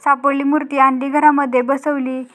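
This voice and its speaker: A woman's voice: high-pitched, flat delivery, moderate pace, fairly bright tone. A woman reading a stern, bossy elder daughter-in-law. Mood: stern scolding. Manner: scolding, lecturing.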